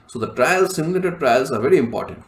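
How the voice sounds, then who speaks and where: A man's voice: on the high side, lively intonation, quick pace, a little hiss or hum. Male professor lecturing in an echoey room. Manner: explains step by step, with many fillers and throat clearing. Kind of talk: recorded university lecture.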